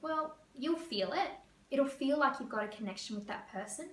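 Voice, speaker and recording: A woman career coach from Australia, explaining interview tips to camera in a fast, lively way. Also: sits high. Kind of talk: teaching to camera. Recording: echoey room, voice a bit far.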